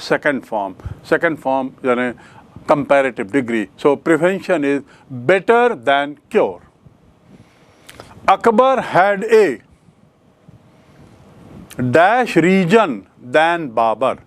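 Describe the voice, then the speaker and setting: A man's voice: fairly high pitch, no echo. A man with an Indian English accent teaching a grammar lesson, asking questions and answering them himself. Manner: explains slowly, asks and answers his own questions.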